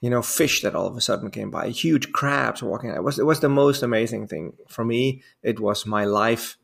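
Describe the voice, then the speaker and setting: A man's voice: mid-range voice, normal speed, creaky, fairly bright tone, husky. A man in his forties from the Netherlands, a native Dutch speaker, telling stories as a guest on a podcast with lots of fillers. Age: 40s. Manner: rambling, self-amused storytelling with frequent fillers. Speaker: guest diving instructor. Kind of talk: casual podcast interview.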